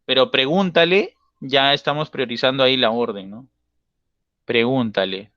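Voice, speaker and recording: A man teaching a grammar class online, explaining patiently and checking often with quick tag questions. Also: mid-range voice, bright, forceful tone, dry recording, highs cut off.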